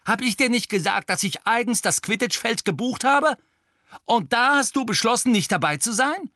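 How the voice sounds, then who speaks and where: A man's voice: medium pitch, very animated, fairly quick, no echo, studio quality, voice pushed up. A man voicing a furious, bossy teenage girl who is a team captain and scolds angrily. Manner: angry, scolding, hissing.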